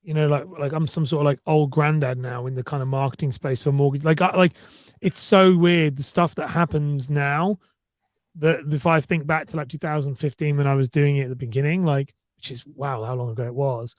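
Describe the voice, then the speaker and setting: Podcast guest: fast, chatty southern English man, fairly high voice, dry. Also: fairly even intonation, no room sound. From southern England. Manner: fast-talking, chatty, many fillers and restarts. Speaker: podcast guest, content marketer. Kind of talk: casual podcast chat.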